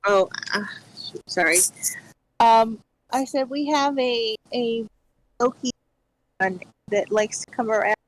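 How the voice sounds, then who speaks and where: A woman's voice: a little high, slow pace, long pauses, low-quality recording. Lady on a voice call w glitchy buzzy audio cutting in and out, laid back, a bit flustered. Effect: buzzy, glitchy call audio breaking up. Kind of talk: casual chat. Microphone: internet voice call.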